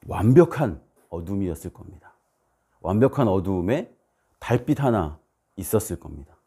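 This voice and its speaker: Animated low-voiced man preaching. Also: breathy edge. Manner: animated storytelling, acting out voices and shouts. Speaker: missionary preacher. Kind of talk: sermon. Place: church.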